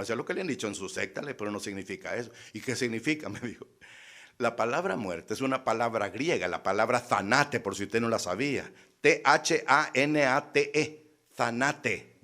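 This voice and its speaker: A man's voice: fairly low pitch, a little fast, fairly bright tone. A man preaching, telling a story and acting out both sides of a conversation with teasing emphasis. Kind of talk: sermon.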